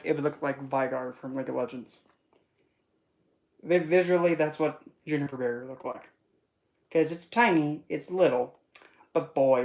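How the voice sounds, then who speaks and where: A spiritual teacher giving a casual esoteric teaching talk at a middle pitch. The delivery is rambling and chatty, with animated asides.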